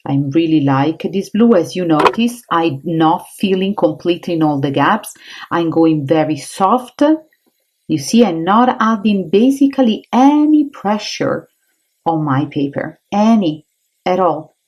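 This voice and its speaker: An Italian-accented woman teaching an art tutorial, chatty and encouraging as she works. Her voice sits low and has a husky, breathy edge. She thinks aloud between strokes. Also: lively intonation, a little slow, darkish tone, poor audio. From Italy.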